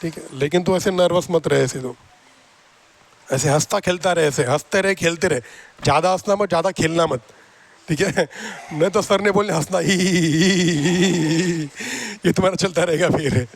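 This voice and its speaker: A man's voice: on the high side, brisk, gravelly, slight background noise. A man teaching a math class, teasing and coaxing his students as he goes. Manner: coaxing and repetitive.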